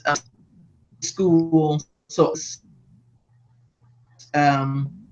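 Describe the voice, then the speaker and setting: A woman coaching trainer giving slow, measured feedback with many ums, her voice breaking up over a choppy internet call. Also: low voice, steady tone. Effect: choppy, breaking-up internet call audio. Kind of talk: feedback on a practice session. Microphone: video call. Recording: lo-fi choppy video-call audio.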